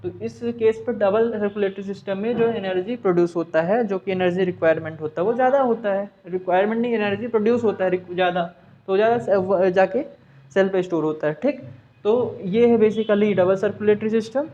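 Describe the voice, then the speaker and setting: A man's voice: high-pitched, brisk, mellow, muffled recording, soft background music. A man teaching a science class, with a Hindi accent, who asks and answers his own questions and mixes in English terms. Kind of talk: class lesson.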